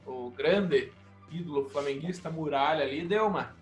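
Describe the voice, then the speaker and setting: A man's voice: fairly high pitch, moderate pace. A man with a Brazilian accent giving colloquial, opinionated commentary in a casual sports discussion. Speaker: sports podcast panelist. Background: background music.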